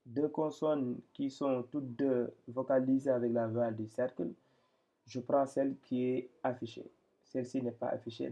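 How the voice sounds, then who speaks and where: A man teaches a reading lesson in a patient, step-by-step way, often restarting and repeating himself. His voice has a gravelly edge. The recording sounds slightly dull and muffled. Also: mid-range voice, dark tone. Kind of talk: explaining Arabic reading step by step.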